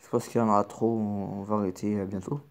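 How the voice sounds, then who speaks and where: Homme hésitant, ton de bavardage. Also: male voice, fairly low pitch, flat delivery, fast, very noisy. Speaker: co-host. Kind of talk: casual chat, commenting on clips.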